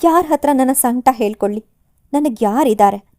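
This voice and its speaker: A woman's voice: sits high, normal speed, mellow, no room sound, clean studio sound, natural voice. A woman voicing an earnest, grieving young man in a storybook reading, with a pleading, emotional manner.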